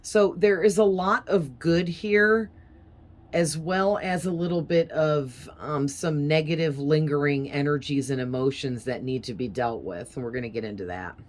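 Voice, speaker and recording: A woman's voice: low voice, moderate pace. A woman giving a casual tarot reading in a chatty, rambling way, breathing a little heavily from a sinus infection. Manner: rambling, chatty, with fillers and soft laughs. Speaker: tarot reader.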